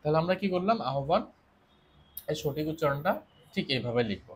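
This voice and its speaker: A man's voice: a little high, expressive, brisk, a little hiss or hum. A man teaching an exam-prep lesson, explaining step by step, repeating key points and answering his own questions.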